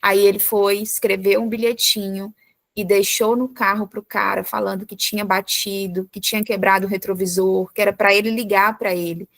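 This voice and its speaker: A woman leading a prayer meeting, telling a personal story in an informal devotional talk, lively and full of little fillers. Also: mid-range voice, moderate pace, vocal fry, no room sound.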